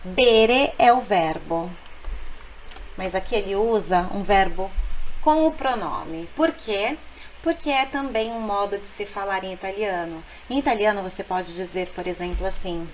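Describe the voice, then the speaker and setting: Slow, patient woman teaching a lesson. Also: mid-range voice, slight background noise, poor audio. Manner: explains patiently, repeats phrases slowly. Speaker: Italian teacher. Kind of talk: language lesson.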